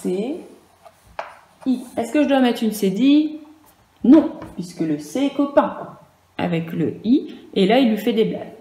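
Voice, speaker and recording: A woman teaching a first-grade dictation lesson in a virtual class, speaking slowly and clearly and spelling out letters and sounds. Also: fairly high pitch, animated, dark tone, reverberant, low-quality recording.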